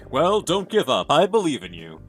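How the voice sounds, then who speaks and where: Game detective, friendly and encouraging, lively swooping delivery, read by a male player, light music behind. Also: a little high, normal speed, voice pushed up. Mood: chatty. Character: friendly detective on a train investigation. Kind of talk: video game character voice.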